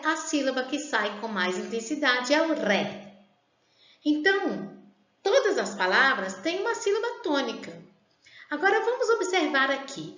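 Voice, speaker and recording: A woman teaching a grammar lesson, speaking slowly and deliberately and drawing out example words. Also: high voice, fairly bright tone. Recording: roomy, dull lo-fi sound.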